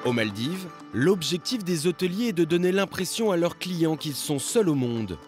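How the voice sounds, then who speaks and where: A man narrating a television documentary report in a measured, scripted voice-over. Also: on the high side, lively intonation. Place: studio voice-over. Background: music.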